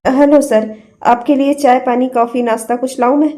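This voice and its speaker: A man's voice: very high voice, steady tone, moderate pace, warm tone. A voice actor playing a polite, deferential male household servant in a cartoon. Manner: deferential, eager.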